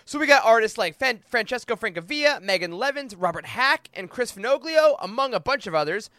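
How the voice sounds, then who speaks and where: A man hosting a casual podcast chat, talking in an excitable, gushing way. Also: very high-pitched, a little fast, dry recording, clean studio sound. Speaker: podcast host.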